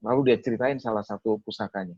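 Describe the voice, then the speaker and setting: A man's voice: fairly low pitch, fast talker, darkish tone, breathy edge, no echo, lo-fi sound. A man telling a personal testimony at a webinar, acting out his own past words as he speaks. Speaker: speaker at a theology school webinar.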